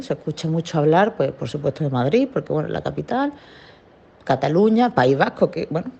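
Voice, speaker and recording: A woman from Andalusia leaves a casual voice message, pausing often with fillers. Her voice is mellow, and the recording sounds dull and lo-fi. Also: low voice. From Andalusia, Spain. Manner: hesitant, with many fillers. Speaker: listener sending a voice message.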